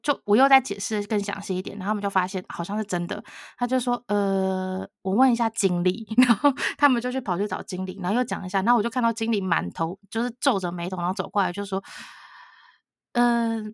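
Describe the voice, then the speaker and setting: A woman from Taiwan, co-hosting a podcast and telling a story in a lively way, often laughing and acting out what others said. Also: medium pitch, very fast, dry recording, studio quality. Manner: animated storytelling, frequent laughter, quotes others. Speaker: podcast co-host. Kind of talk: casual storytelling chat.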